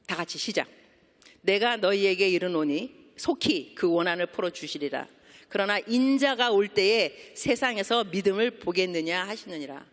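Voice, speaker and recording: Woman, missionary preacher, sermon, asks the congregation questions, English words mixed in, long hall reverb. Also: mid-range voice. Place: church sanctuary.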